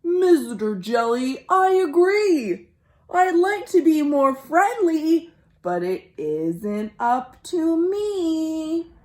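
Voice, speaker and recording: A woman voicing a gloomy, pouting male fish in a mournful, drawn-out storybook rhyme. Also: high voice, very animated, a little mellow, pitched above the performer's own voice, exaggerated voice. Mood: glum, resigned. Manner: mournful, rhyming, drawn-out delivery.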